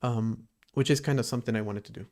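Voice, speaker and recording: Talking fast in a lowish, darkish voice with fairly even intonation, a man codes on a casual livestream. His commentary is loose and rambling, and he answers chat messages while he programs.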